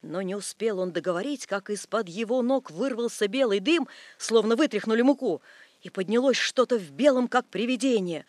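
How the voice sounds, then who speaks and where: A man narrating a literary tale aloud with expressive, lively storytelling. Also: high voice, moderate pace, no room sound.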